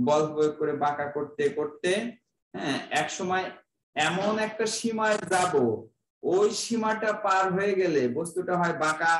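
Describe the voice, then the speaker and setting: A man's voice: fairly high pitch, roomy sound, distant mic, poor audio. A man with a Bangladeshi Bengali accent giving a physics class, explaining step by step, asking his own questions and then answering them. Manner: uses everyday examples. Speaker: physics lecturer. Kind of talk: classroom lecture.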